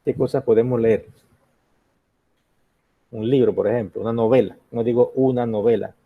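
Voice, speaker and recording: A man's voice: medium pitch, steady tone, normal speed, slightly rough, no room sound, phone-quality sound. A man teaching an English grammar lesson in Spanish, patiently asking the class questions and checking in with "ok?".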